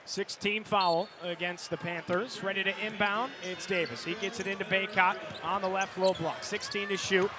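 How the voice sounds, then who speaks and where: Broadcasting live from courtside in a large indoor arena, an American man gives basketball play-by-play on radio at normal speed with few pauses, his voice sitting high. He talks in clipped, energetic bursts that build to excited calls on big plays, over crowd noise, loud arena sound, and a bouncing ball.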